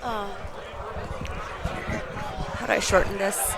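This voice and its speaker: A man's voice: high voice, flat delivery, slow pace, a crowd in the background, background noise. A man casually commentating an arcade tournament stream, loose and chatty, often laughing.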